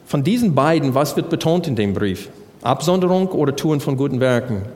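A man's voice: a little high, animated, a little fast, darkish tone. Man preaching in a reverberant hall. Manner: asks the congregation rhetorical questions. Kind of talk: sermon, Bible exposition.

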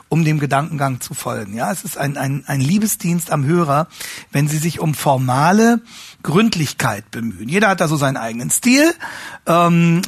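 Man teaching sermon craft, a bit breathy, stumbles and repeats words, no room echo. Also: on the high side. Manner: earnest, repeats words while searching for phrasing. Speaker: homiletics teacher. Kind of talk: lecture on preaching.

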